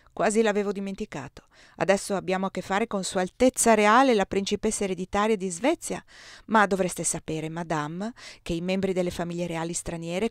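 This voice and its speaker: A woman reading an audiobook voices an imperious, irritable male emperor who is sarcastic and quick to shout. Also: medium pitch, no echo, clean studio sound, lightly acted. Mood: mocking. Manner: sarcastic, commanding, bursts into shouting.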